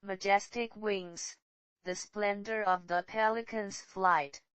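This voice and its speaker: A woman's voice: medium pitch, fairly even intonation, slow pace, no echo. A woman announcing section titles in scripted nature documentary narration.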